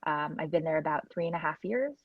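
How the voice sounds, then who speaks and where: On a panel, a venture investor from Hong Kong describes her personal background in a low-pitched voice, speaking fast with lively intonation and plenty of fillers. There's no room sound, though the recording is dull and lo-fi.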